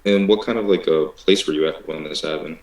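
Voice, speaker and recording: Low-voiced man asking quick questions. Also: a little mellow, low-quality recording. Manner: quick follow-up questions padded with "like". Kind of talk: casual questioning. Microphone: video call.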